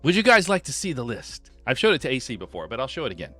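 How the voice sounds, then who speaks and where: Man, game streamer, casual chat, greets viewers, mid pitch, faint music behind. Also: huge pitch swings, fast, fairly bright tone, slightly rough. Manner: chatty, greets viewers by name. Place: home.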